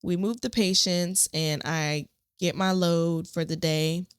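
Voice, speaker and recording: A woman podcast host, a nurse, telling a story from a shift in a lively, animated way. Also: on the low side, slow pace, clear, resonant tone, no room sound, studio quality. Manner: animated storytelling, acts out quotes.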